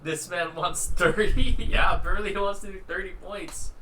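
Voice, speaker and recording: A young man with a very bright, slightly high voice hosts a casual podcast chat. He talks in a laid-back, slangy way and laughs often. Faint hiss sits under the recording. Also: a little slow, low-quality recording. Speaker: podcast host.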